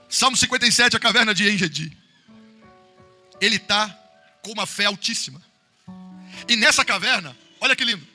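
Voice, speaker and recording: A man with a Brazilian Portuguese accent preaches a fervent Pentecostal sermon in a very high, piercingly bright voice. He swings from hushed storytelling to shouted, half-sung cries. Faint music plays underneath. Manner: impassioned, building to shouts and sung phrases. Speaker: pastor.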